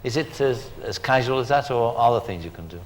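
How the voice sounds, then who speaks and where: A man's voice: mid-range voice, animated, brisk, a little hiss or hum. An older man hosting a talk show, asking chatty, leading questions. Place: television studio.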